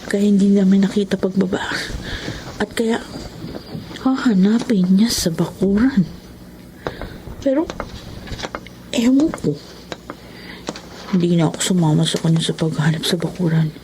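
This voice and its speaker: A woman's voice: mid-range voice, unhurried, pauses often, background noise, close to an everyday voice. An actress playing a frightened young woman who sees a ghost, stammering and tearful, in a radio horror drama. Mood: uneasy narration. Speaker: voice actor. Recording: radio drama with loud music underneath.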